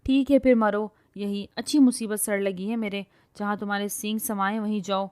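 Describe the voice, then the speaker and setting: A woman's voice: mid-range voice, flat delivery, darkish tone, smooth, no echo, studio quality, close to an everyday voice. An irritable young man snaps back in a stern, curt voice, worn out by his companion. A woman reader plays him in a storybook reading. He sounds short and fed up. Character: patient but irritable young man, a fellow student.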